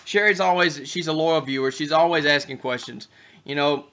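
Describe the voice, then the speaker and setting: A young man hosting a backyard wrestling talk show in character, trash-talking and breaking into loud rants. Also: fairly high pitch, normal speed, lo-fi sound.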